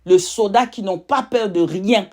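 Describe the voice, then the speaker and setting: A woman with a medium-pitched voice delivers a religious testimony in French with a foreign accent, as a non-native speaker. She preaches emphatically, repeating key phrases for weight. Now and then she pauses to search for the right word. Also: a little mellow. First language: not French. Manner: emphatic, repetitive, pausing to search for words. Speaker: religious witness giving testimony.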